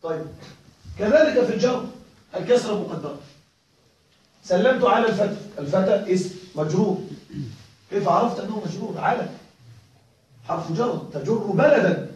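A fairly high-pitched man teaches grammar to a room of students, repeating each rule and checking again and again that they are with him. His voice rings around a very reverberant classroom and sits at a distance from the microphone. A faint hiss of noise runs under it. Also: lively intonation, normal speed, long pauses, a little mellow. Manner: drills rules by repetition, often checks students follow. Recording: echoey room, mic far off.

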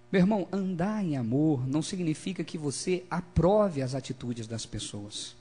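Husky preacher calling out to a congregation. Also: male voice, on the high side. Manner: calls for congregation responses, swings between loud emphasis and quiet asides. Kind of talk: lively sermon to a congregation.

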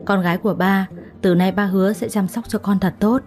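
A remorseful middle-aged father , as a woman narrator reads him, speaks gently and apologetically in a mellow voice. Faint music underneath. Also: mid-range voice, steady tone, brisk, lightly acted. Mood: gentle.

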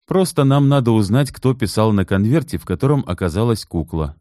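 A patient, tactful male investigator who talks calmly and coaxes gently, as the reader voices him in a storybook. The voice is deep and mellow, recorded dry and close. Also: brisk, no echo, lightly acted. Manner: calm, gently persuasive. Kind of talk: audiobook character voice.

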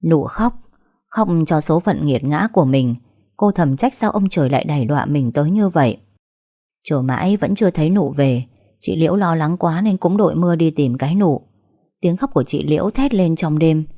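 A young woman reading a dramatized audiobook story, acting out family quarrels by raising her pitch and volume. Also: expressive, normal speed, dark tone.

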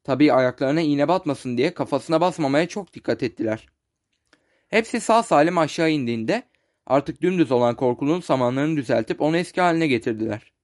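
A man narrating a children's storybook as an audiobook in a steady storytelling manner. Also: on the high side. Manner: steady storytelling, slows for descriptions.

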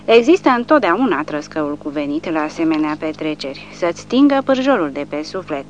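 A woman narrating an audiobook of a war novel in a steady storytelling way. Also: low-pitched. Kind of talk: reading a war novel aloud. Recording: dull lo-fi with faint hum.

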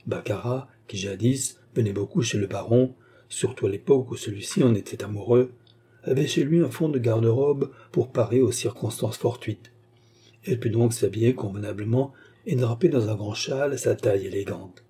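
A male audiobook narrator reads a classic novel in a measured storytelling manner. His voice is very dark and mellow, with a husky, breathy edge. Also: mid-range voice.

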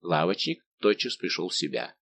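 A man narrating an audiobook in a measured, even way. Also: sits low. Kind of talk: scripted narration.

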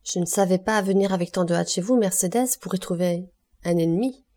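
A woman's voice: on the low side, brisk, dark tone, close to an everyday voice. A woman reading as a wary young sailor. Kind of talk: audiobook character reading.

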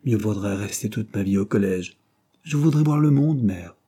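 A man's voice: lowish voice, expressive, normal speed, dark tone, husky. A man reading a sulky, restless young man. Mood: petulant pleading. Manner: pleading, petulant. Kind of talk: audiobook character reading.

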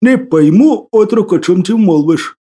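A bewildered old hermit, fervent and pious, speaking in archaic churchly phrases, as a male storyteller puts him on. The voice sits high and swings widely, with a dark, mellow tone. An audiobook figure. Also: animated, unhurried.

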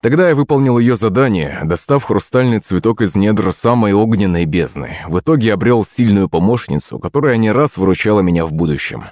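A man narrates a first-person audiobook in a low voice. His delivery is animated, rising and falling a great deal. The recording is close and dry, with no room sound. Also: fairly quick, few pauses, dry recording.

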